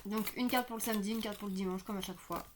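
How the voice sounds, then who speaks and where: A woman's voice: medium pitch, fairly even intonation, very fast, a little hiss or hum. A woman with a slight lisp on her s sounds, giving a casual card reading and thinking aloud as she goes, often hesitant. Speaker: online card reader hosting weekend guidance. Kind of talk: casual spoken tarot reading.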